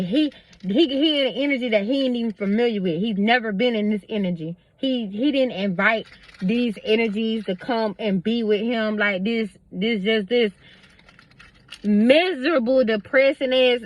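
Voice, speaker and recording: A woman's voice: mid-range voice, no echo, highs cut off. A woman vlogger talking to her viewers in a casual monologue, emphatic and preachy, addressing them directly.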